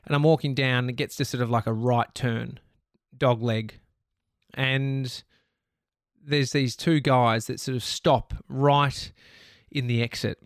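A man with an Australian accent talks through a personal story on his podcast, candid and rambling, with the odd swear word. His voice sits at an ordinary middle pitch. The sound is dry and close, with no room around it. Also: fairly even intonation, slow pace, no echo. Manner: candid, rambling, swears freely, self-reflective. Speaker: podcast host. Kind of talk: casual storytelling monologue.

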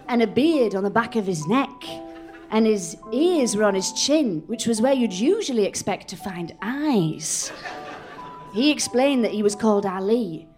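A woman narrating an absurd comic story in a deadpan, matter-of-fact way. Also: mid-range voice. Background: music.

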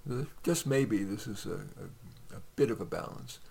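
A man's voice: fairly low pitch, lively intonation, unhurried, gravelly, a little mellow, slightly rough. A man reading his own short stories aloud on a podcast, in a conversational way with occasional fillers.

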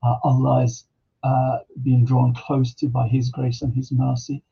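A man with a very dark, husky voice gives a reflective religious talk, asking rhetorical questions and reciting Arabic scripture. The podcast audio sounds dull and lo-fi. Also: mid-range voice, monotone, measured pace. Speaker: Islamic teacher. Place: podcast studio.

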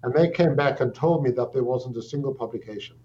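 A guest psychiatrist, a middle-aged man with a South African accent, gives an interview answer recounting his background. His mid-range voice sounds warm, and his thoughtful, measured delivery includes frequent pauses and restarts. The recording is dull, lo-fi, and faintly humming.

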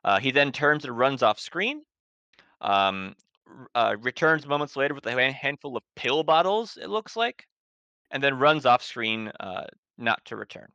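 A man's voice: medium pitch, lively intonation, normal speed, sharp tone, smooth, no echo. A man narrating a tabletop horror game as game master, in a casual, rambling way, in a dull lo-fi recording.

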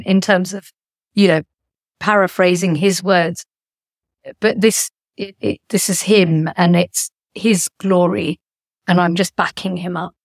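A woman's voice: lowish voice, no room sound. Reflective woman founder, dry close sound. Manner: reflective, animated when retelling stories. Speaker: guest, founder and author. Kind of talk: conversational interview.

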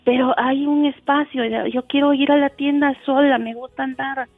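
A woman's voice: sits high, fairly even intonation, normal speed, dry recording, faint music behind. A middle-aged woman from Mexico calling in to a show, chatting agreeably and laughing easily. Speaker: caller. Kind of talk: phone call-in chat. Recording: dry, muffled phone line.

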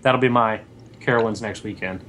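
A man's voice: fairly low pitch, steady tone, normal speed, a bit bright, a little hiss or hum. A young man co-hosting a casual chat, talking in a rambling way with lots of fillers and restarts. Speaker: podcast co-host.

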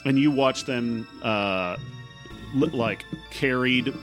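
A man's voice: mid-range voice, faint music behind. A man improvising narration as game master of a tabletop role-playing game, often searching for his words. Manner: halting, searching for words as he describes scenes.

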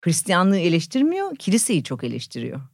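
A woman's voice: lowish voice, huge pitch swings, a little fast, no room sound, studio quality. A woman author as podcast guest, talking thoughtfully about a novel, explaining with fillers. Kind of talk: casual literary chat.

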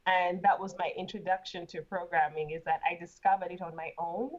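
A woman's voice: lowish voice, little pitch movement, a little fast, lo-fi sound. A woman from Uganda, a guest in an interview, talking casually and laughing often, with frequent repeated words.

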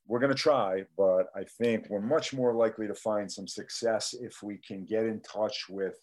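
Low-voiced man, tinny video call. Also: a little mellow. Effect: thin, tinny video-call sound. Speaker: documentarian and podcast co-host. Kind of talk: conversational investigative podcast discussion.

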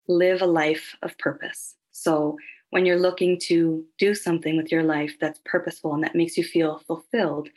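Low-voiced woman, calm and earnest. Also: rough recording. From Halifax, Nova Scotia, Canada. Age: adult with children. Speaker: hypnotherapist guest. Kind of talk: podcast interview.

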